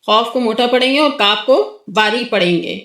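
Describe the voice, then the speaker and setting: A woman with a somewhat high voice teaches a child how to pronounce Quranic letters. She explains patiently and draws out sung syllables for the child to echo. The recording sounds echoey, as if made in a bare room. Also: animated, a bit bright, soft background music. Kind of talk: tajweed lesson with a child.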